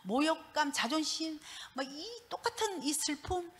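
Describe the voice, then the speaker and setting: A middle-aged woman giving a church testimony as a pastor's wife, telling her story in an animated way and laughing often. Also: sits high, measured pace.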